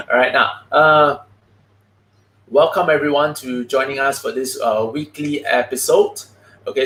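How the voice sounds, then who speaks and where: A man hosting a live investing stream, chatty and quick, filling his talk with "okay" and "all right". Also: medium pitch, gravelly, a bit bright, a little hiss or hum. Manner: chatty, many "okay, all right" fillers, fast talking. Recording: roomy echo.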